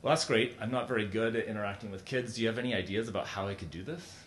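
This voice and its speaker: Man giving a keynote in an echoey hall. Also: rapid-fire. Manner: conversational, with frequent fillers and restarts. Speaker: keynote speaker. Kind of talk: conference keynote talk. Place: large conference hall. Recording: echoey hall, faint rumble.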